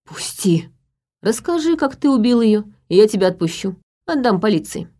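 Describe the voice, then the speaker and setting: A woman's voice: mid-range voice, very animated, moderate pace, warm tone, natural voice. A woman voicing a possessed young man who taunts his captive in a cold, mocking way, in an audiobook. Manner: taunting, menacing.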